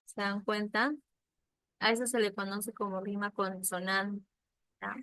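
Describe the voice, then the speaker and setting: A woman's voice: mid-range voice, fairly even intonation, a little slow, sharp tone, dry recording, rough recording. A woman teaching a literature lesson, explaining patiently with examples and often checking in with a questioning "ya?".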